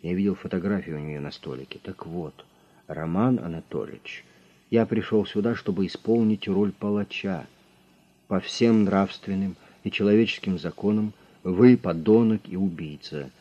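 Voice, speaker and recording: Man as a calm, grim male detective. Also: low voice, breathy edge. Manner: calm, measured, menacing. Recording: slightly muffled recording.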